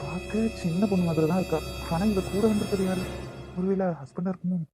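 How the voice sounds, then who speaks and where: A man's voice: high voice, fairly even intonation, fast, music in the background, lightly acted. A man voicing several young men in a Tamil cartoon romance, with a Nagercoil accent, wheedling his fiancée and musing aloud to himself. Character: young man, affectionate fiancé and lovestruck taxi driver. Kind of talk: cartoon voice acting.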